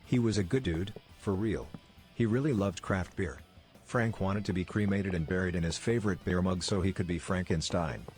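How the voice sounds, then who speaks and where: A man with a deep voice tells short jokes as a comedian. His delivery is measured and deadpan, moving from setup to punchline. Music plays behind him.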